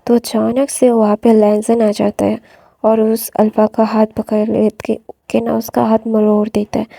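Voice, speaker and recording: A woman's voice: fairly high pitch, completely flat delivery, measured pace, gravelly, dark tone, no room sound. A woman casually retelling a fan story in a rambling way, full of repeated filler words.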